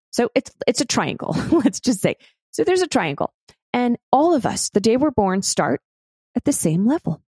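A woman's voice: fairly low pitch, vocal fry, warm tone, dry recording. A woman hosting a spiritual self-help podcast, talking earnestly and encouragingly straight to the listener. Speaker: podcast host.

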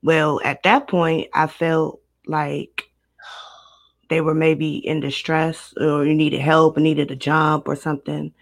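A woman in her twenties from Maryland, a guest recounting a personal story in a casual interview, steady and matter-of-fact. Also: low-pitched, slow pace. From Maryland, United States. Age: 20s.

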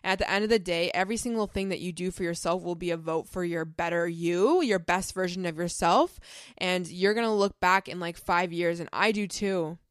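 Young woman podcast host, earnest and heartfelt, casual advice talk, smooth lowish voice, dry close sound. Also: normal speed, dry recording. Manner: earnest, heartfelt, filler-heavy with many "like"s.

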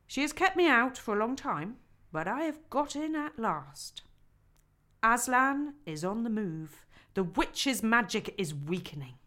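A woman voicing Father Christmas as a huge, glad and solemn old man who speaks slowly and grandly in a storybook reading. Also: fairly high pitch, sing-song, a bit bright.

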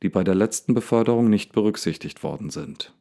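A man reading a storybook, voicing an agitated young man shouting indignantly at a lion. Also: fairly low pitch, animated, unhurried, voice pushed up. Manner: angry, indignant outbursts. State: slightly hysterical.

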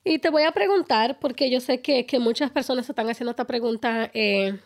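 A woman's voice: on the high side, a little fast. A woman interviewing a guest, supportive and summing up what the guest says. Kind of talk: interview conversation.

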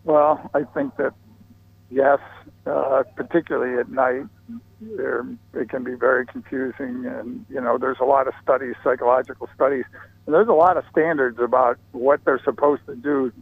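A man who is an attorney, calling in to a radio talk show over a phone line and explaining legal standards in a measured way. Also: medium pitch, fairly even intonation, gravelly, breathy edge. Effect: heard over a phone line into a radio show. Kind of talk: casual call-in chat.

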